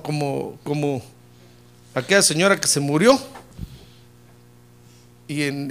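Male pastor, middle-aged, high and very animated voice, preaching with swings from loud to quiet. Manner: preaching with humor, rising loud on key points and dropping low and soft on "hermano". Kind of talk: sermon.

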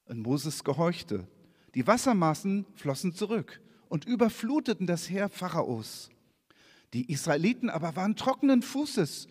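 Male preacher, high lively voice, expressive scripture reading, church reverb. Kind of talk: sermon reading scripture with slides. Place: church hall.

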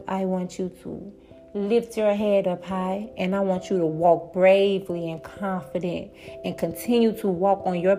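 A woman hosting a spiritual encouragement talk, speaking slowly and earnestly and repeating affirmations with growing emphasis. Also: lowish voice. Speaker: podcast host. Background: background instrumental music.

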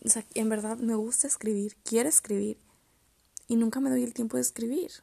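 Young woman muttering in gravelly fry. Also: fairly high pitch, steady tone, fairly quick, dark tone, no room sound. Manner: rambling, self-interrupting, often drops to mutters and whispers. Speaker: podcast host. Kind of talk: casual solo chat about poetry.

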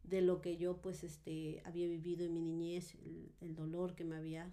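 A woman's voice: fairly low pitch, completely flat delivery, moderate pace, warm tone. A woman giving a personal testimony in conversation, hesitant and full of fillers and tag questions.

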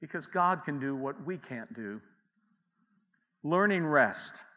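A man's voice: fairly high pitch, animated, takes it slowly, sharp tone, in a large hall. A man preaching a sermon as pastor, in a conversational way with asides and acted quotes.

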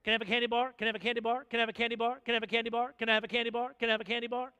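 A man's voice: extremely high pitch, flat delivery, very fast, sharp tone, smooth, no room sound. A man acting out a nagging three-year-old who keeps begging for candy, in a repetitive, whining way.

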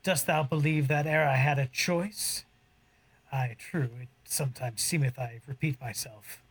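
An actor playing a cocky, roguish young smuggler captain, delivering boastful Shakespearean verse. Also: male voice, mid-range voice, unhurried, a bit bright, slightly rough. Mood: persuasive. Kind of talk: audio drama acting in verse.

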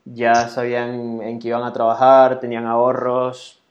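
A man hosting a casual interview podcast, relaxed and friendly, with frequent "eh" and "ok". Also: mid-range voice, moderate pace, dull audio. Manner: relaxed, friendly, uses filler "eh" and "ok". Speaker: podcast host. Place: Barcelona.

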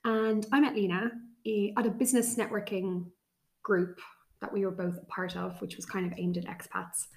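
A woman's voice: medium pitch, flat delivery, normal speed, gravelly. Upbeat woman podcast host. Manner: upbeat, scripted intro then chatty. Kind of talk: podcast interview. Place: apartment overlooking the sea.

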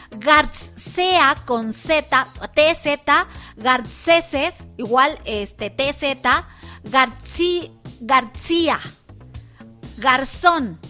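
Bright, high-voiced woman host. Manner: chatty, with many fillers and restarts. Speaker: children's radio host. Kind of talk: casual live radio chat for children.

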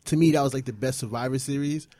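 Guy hosting a show, regular pitched voice, just chatting casually. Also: fast, mellow. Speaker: host of a wrestling talk show. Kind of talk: casual chat.

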